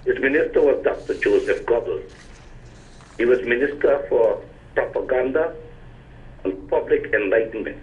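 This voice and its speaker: An older man calls in to a radio show over a clipped, thin, tinny phone line, making his point in an emphatic, lecturing way with rising stresses. His voice is medium in pitch and a little mellow, at normal speed with long pauses.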